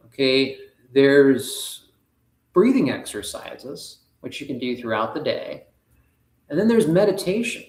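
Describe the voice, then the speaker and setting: A man hosting a live spiritual talk, speaking in an earnest, halting, rambling way. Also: medium pitch, echoey room. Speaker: spiritual livestream host.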